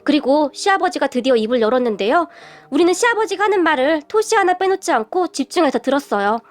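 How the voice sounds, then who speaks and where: A woman's voice: sits high, big pitch swings, fast talker. A woman narrating a family story in the first person, in a chatty, confiding way.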